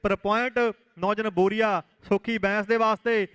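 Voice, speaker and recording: A man's voice: high-pitched, fairly even intonation, moderate pace, a bit bright, smooth, no echo. A man commentating live on kabaddi and making announcements in a declamatory way.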